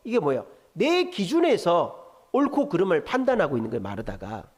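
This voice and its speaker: A man's voice: high voice, wildly swooping pitch, a little fast. A man preaching a midweek sermon in a church, explaining scripture and acting out the quoted lines in a raised voice. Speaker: pastor.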